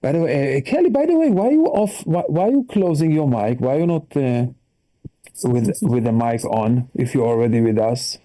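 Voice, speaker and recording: Dark-voiced Israeli man doing stand-up. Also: normal speed. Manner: animated, jumps high in pitch for punchlines; broken English phrasing. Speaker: stand-up comedian. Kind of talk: stand-up set on a video call.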